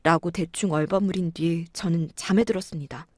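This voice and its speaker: A woman narrating a dramatized first-person story in a lively, indignant way. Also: fairly low pitch, moderate pace, no room sound, studio quality.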